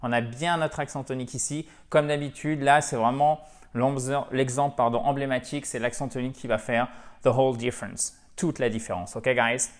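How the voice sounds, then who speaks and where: A man teaching English pronunciation to French speakers, playful and repeating each word slowly to drill the stress. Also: mid-range voice, steady tone. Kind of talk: pronunciation lesson.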